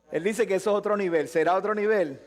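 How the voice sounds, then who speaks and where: A man preaching a live sermon as pastor, questioning the congregation and shifting between quick asides and slow emphasis. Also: high voice.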